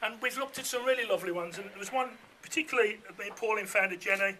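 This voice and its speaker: A man's voice: sits high, very fast, bright, forceful tone, a little hiss or hum, low-quality recording. A middle-aged man giving an informal, jokey father of the bride speech full of anecdotes. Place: room full of wedding guests.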